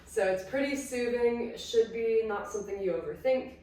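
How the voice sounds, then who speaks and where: A woman with a croaky voice from illness leads a chatty, encouraging guided exercise class at home. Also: fairly high pitch, normal speed, dark tone. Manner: chatty, encouraging, self-correcting. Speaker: pilates instructor. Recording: very echoey room, distant mic, faint ambience.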